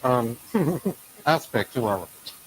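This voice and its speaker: Muffled male interview host over clear hiss. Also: medium pitch, big pitch swings, slow pace. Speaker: show host interviewing a guest. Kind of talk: casual interview chat.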